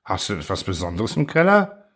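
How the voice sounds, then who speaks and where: A flustered male robot constructor, put on by a man reading aloud, from a storybook. He protests and pleads in a pitched-up voice that rises and falls sharply. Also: huge pitch swings, brisk, a bit bright, exaggerated voice. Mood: puzzled.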